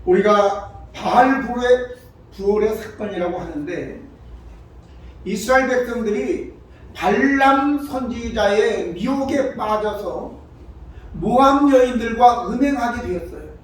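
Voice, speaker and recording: A male pastor preaching a sermon, who breaks into shouted, acted-out quotes. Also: very high-pitched, slow. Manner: acts out quoted voices with sudden shouts. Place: church sanctuary. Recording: far-off mic in a very echoey church hall.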